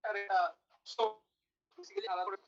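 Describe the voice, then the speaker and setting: A high-pitched, bright-toned male teacher lecturing over an online call. His voice keeps breaking up and dropping out on the poor network connection, and the muffled, lo-fi call audio dulls his sound. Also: big pitch swings, measured pace. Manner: explains step by step, asks if students follow. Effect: voice breaking up over a bad network call. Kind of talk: online class lecture, reading English text and explaining in Bengali.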